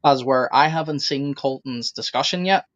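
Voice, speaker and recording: A frank, opinionated man co-hosting a podcast, talking in a deliberate, steady way. His voice comes through dry and a little dull, like lo-fi audio from a remote call. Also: medium pitch, no echo. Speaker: podcast co-host. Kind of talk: casual discussion.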